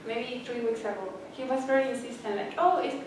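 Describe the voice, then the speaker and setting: Her voice is fairly high and brisk, with fairly even intonation, as a student with a non-native English accent urges her peers on earnestly and encouragingly, speaking straight to them. The inspirational speech takes place in a library event room and was picked up from a distance in a very echoey space against a noisy background.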